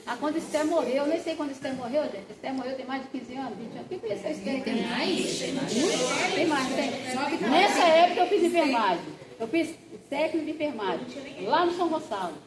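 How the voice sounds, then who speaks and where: A woman pastor gives a chatty church lesson in a high, bright voice. She tells personal anecdotes and speaks straight to her students. The sound is echoey, with a class audience audible in the room. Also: moderate pace, a crowd in the background. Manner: chatty, animated storyteller who acts out quotes and addresses the class directly. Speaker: pastor teaching a Bible class.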